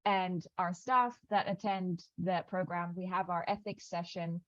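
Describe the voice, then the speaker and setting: A woman walking a new cohort through a program schedule on an online call, talking quickly with frequent fillers and restarts. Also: on the low side, steady tone, no echo, highs cut off. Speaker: program staff presenting onboarding. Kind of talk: online onboarding call walkthrough. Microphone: video call.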